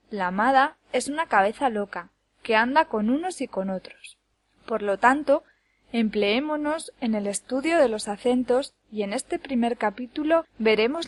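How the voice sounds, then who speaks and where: A woman teacher from Spain reading a scripted lesson clearly and deliberately, slowing down to spell out syllables. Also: a little high, no echo. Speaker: Spanish teacher.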